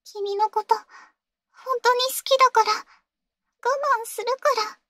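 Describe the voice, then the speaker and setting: A woman playing an insecure young girlfriend in an ASMR role-play, halting and pleading, with a sweet, eerily obsessive manner. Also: extremely high pitch, steady tone, fairly bright tone, no room sound. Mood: desperate pleading. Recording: close, dry ASMR audio.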